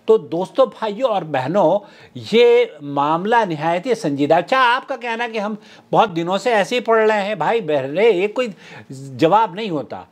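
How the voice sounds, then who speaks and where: Male preacher, high-pitched, earnest explanatory lecture delivery. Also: expressive. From South Asia. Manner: earnest explanatory tone, addresses "brothers and sisters". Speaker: Islamic preacher. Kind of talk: religious lecture in Urdu.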